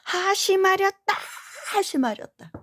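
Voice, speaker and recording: A woman's voice: medium pitch, sing-song, a little mellow. A woman voicing a stern old monk rebuking. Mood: scolding. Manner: thundering rebuke, slow and drawn out. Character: stern older male Buddhist monk, scolding.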